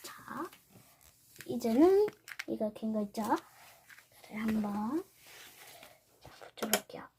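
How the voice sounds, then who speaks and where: A woman's voice: fairly high pitch, expressive, slow pace, long pauses, noisy background. A young girl hosting her channel, narrating a toy build step by step with cheerful ta-da calls. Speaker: channel host.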